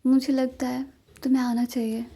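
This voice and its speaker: A woman voicing a confident young female billionaire who speaks low and slow, in a storybook reading. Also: flat delivery, mellow, breathy edge. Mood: cool, confident.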